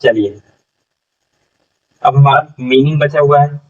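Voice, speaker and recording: A man teaching a classroom phonics lesson, sounding out syllables slowly and asking students to repeat. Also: medium pitch, darkish tone. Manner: slow, spells out syllables, repeats questions to students. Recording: dull lo-fi sound from a distant mic.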